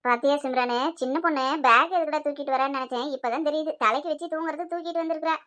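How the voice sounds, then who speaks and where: A woman voicing several chatty village women in a cartoon, loud and bossy. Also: high-pitched, very fast. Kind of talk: cartoon voice acting.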